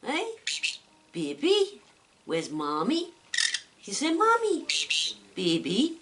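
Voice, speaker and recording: A woman's voice: high-pitched, wildly swooping pitch, slow pace, fairly bright tone, a little hiss or hum. A woman at home, coaxing and praising her pet bird in a sing-song baby-talk voice. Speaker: pet owner. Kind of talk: casual chat to a pet bird. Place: indoors at home.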